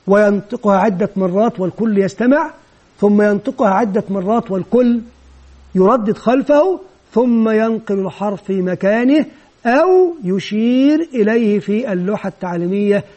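Guy w a really high but mellow voice, patient teacher-training lecture, step by step. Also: normal speed. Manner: patient, step-by-step explaining, models phrases for pupils. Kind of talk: instructional lecture on teaching reading.

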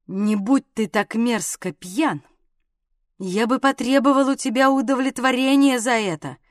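A woman reading an audiobook voices a proper gentleman who speaks stiffly and indignantly. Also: fairly high pitch, unhurried, no room sound, studio quality, natural voice.

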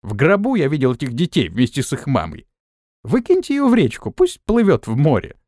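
Brief: brash young trainee, indignant, shouty, lively pitch, dry sound; played by a man. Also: a little fast, dry recording. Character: young male police trainee, hot-tempered.

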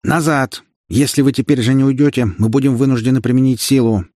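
A man's voice: medium pitch, steady tone, a little fast, warm tone, no echo, clean studio sound, voice pushed up, lightly acted. A man voicing a stern police officer who barks curt orders at a crowd. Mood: commanding.

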